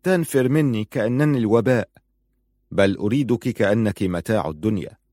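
This is a proud young woman in a spoken story, hurt and quick to accuse. A man voices her with a lifted pitch and a cutting, bitter edge on every line. The sound is close and dry. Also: animated, dry recording, natural voice. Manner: sharp, accusing.

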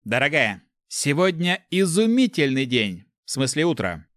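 A man's voice: fairly high pitch, big pitch swings, a little slow, a bit bright, no room sound, studio quality, pitched above the performer's own voice. A man voicing a playful young male thief who teases and makes grand speeches. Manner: teasing, grandly theatrical.

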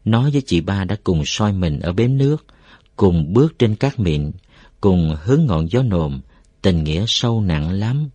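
A man with a lowish voice reads a village story aloud at a steady, unhurried pace. The sound is close and dry, with no room echo. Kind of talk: scripted story narration.

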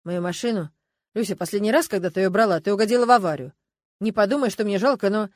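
A woman's voice: mid-range voice, fast talker, dry recording, close to an everyday voice. A woman voicing a suspicious husband who grumbles and lectures warily.

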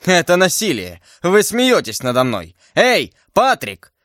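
A man's voice: a little high, moderate pace, no room sound, studio quality, close to an everyday voice. A man voicing an imperious, outraged duke. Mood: indignant. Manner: indignant, shouting outbursts. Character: haughty English duke, proud and imperious. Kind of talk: audiobook character voice.

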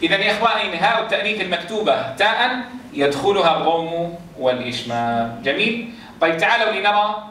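A man's voice: high voice, animated, fast talker, a bit bright, a little hiss or hum. A man teaching Quran recitation rules to a class, quizzing his students and chanting verse examples. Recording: roomy echo, distant mic.

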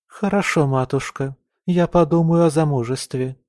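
A man's voice: fairly high pitch, normal speed, darkish tone, dry recording, studio quality, voice pushed up, close to an everyday voice. A man voicing a frightened, tearful young noble daughter who pleads meekly, in an audiobook. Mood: pleading. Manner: sobbing, pleading, meek. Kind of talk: audiobook character voice.

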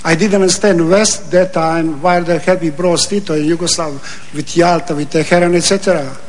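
Older serbian guy, high voice, broken english, long insistent question, echoey hall mic. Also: fairly even intonation, moderate pace. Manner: broken English, long emphatic statements, repeats words. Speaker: audience member asking a question. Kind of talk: impassioned question at a lecture. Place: university lecture hall.

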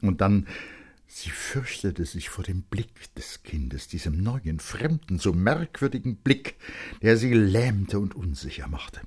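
A man reading literary prose aloud as a narrator in a measured, dramatic manner. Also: low-pitched, expressive, husky. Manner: measured, dramatic, with sudden quiet and loud turns. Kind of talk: scripted literary narration for radio.

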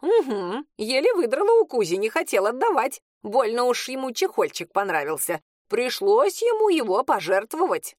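A woman reading aloud, voicing a brash old village witch who teases, cackles and shouts. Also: fairly high pitch, very animated, normal speed, hardly any pauses, no room sound, studio quality, pitched above the performer's own voice. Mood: boisterous teasing. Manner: boisterous, teasing, laughing.

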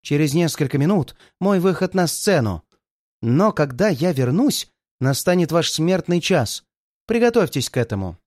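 A man's voice: a little high, very animated, moderate pace, dry recording, studio quality. A man voicing a furious murderous actress. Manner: threatening, mocking, shouting in fury. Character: cold murderous young woman, stage performer.

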